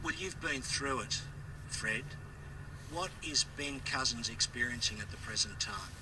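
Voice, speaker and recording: A man with an Australian accent asking direct, pointed questions as an interviewer. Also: unhurried. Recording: distant mic, clear background noise, vehicle rumble.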